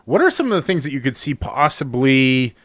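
A man's voice: medium pitch, big pitch swings, fairly quick, fairly bright tone, no echo. Male podcast co-host, dry close sound, jokey, winding questions. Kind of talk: casual sports podcast chat.

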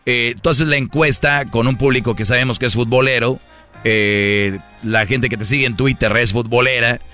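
A man's voice: medium pitch, fairly even intonation, moderate pace, pushed and bright, faint music behind. A man co-hosting a radio show, opinionated and argumentative. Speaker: radio co-host. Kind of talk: comic radio banter.

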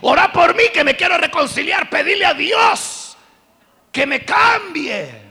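A man's voice: very high voice, very animated, measured pace, vocal fry, sharp tone, raised voice, pitched above the performer's own voice, exaggerated voice. A man acting out a weeping, manipulative young boyfriend who begs for forgiveness. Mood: pleading. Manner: tearful, begging, emphatic. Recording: long reverb of a large hall.

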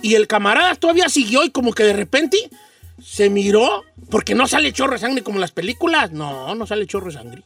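A man's voice: high-pitched, sing-song, brisk, fairly bright tone, breathy edge, distant mic, soft background music. A Mexican man from Michoacán hosting a radio show, telling a rambling, slangy story in a casual chat.

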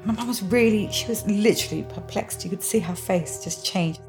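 A woman's voice: mid-range voice, brisk, music in the background. A woman telling her own experience in an interview, earnest and emphatic, repeating words for stress. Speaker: interviewee recounting a haunting. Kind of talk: personal testimony interview.

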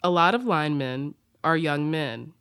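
A woman's voice: sits low, moderate pace, a bit bright, clear, resonant tone. A woman with a Southern US accent hosting a podcast, chatting casually with joking asides and frequent laughs. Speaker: podcast host.

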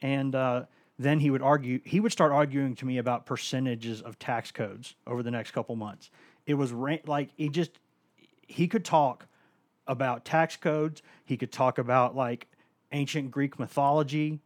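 Lively male sports reporter telling stories. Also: medium pitch, normal speed, no room sound. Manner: animated storyteller, fond of impressions. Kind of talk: casual chat.

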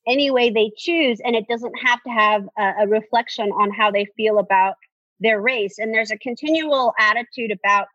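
Higher husky woman guest, reflective, dry lo-fi audio. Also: moderate pace, sharp tone, no room sound. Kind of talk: casual conversation. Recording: dry, muffled lo-fi sound.

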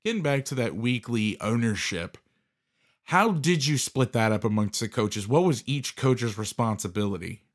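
A man's voice: mid-range voice, expressive, moderate pace. A man hosting a casual podcast interview, telling a joking story and asking questions. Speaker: podcast host.

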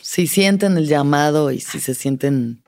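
A woman's voice: sits low, a little slow, a little mellow. A Mexican woman hosting a podcast, giving supportive short replies and reflective questions. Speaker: podcast host. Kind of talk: casual interview.

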